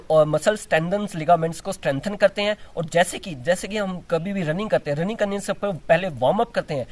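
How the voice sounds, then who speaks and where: A man teaching yoga and breathing exercises, explaining step by step with frequent restarts and demonstrating as he talks. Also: high voice. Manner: demonstrates exercises while talking. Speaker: yoga instructor. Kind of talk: instructional demonstration.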